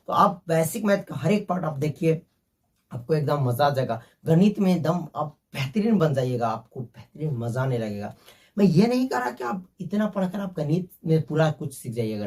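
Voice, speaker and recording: A man's voice: on the high side, a little mellow, far from the mic. A man teaching a basic math lesson, working through sums step by step and calling his viewers "my friend".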